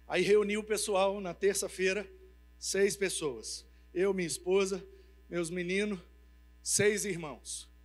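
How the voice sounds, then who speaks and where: A man preaching a sermon, telling humorous stories in a lively, colloquial way. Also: high-pitched, measured pace. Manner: lively, humorous, tells anecdotes; informal, colloquial speech. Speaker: pastor. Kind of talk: storytelling sermon. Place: church.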